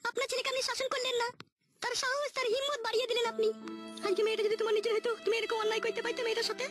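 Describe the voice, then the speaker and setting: A woman voicing an aggrieved mother in a cartoon, scolding in rapid complaints. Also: very high voice, little pitch movement, far from the mic, loud music behind the voice. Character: aggrieved middle-aged mother, sharp-tongued.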